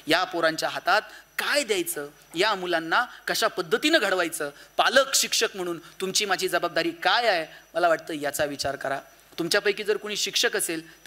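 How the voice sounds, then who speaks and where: Bright, high-voiced male lecturer. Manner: animated, rhetorical questions to the audience. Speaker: motivational speaker addressing parents and teachers. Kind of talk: public lecture. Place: auditorium.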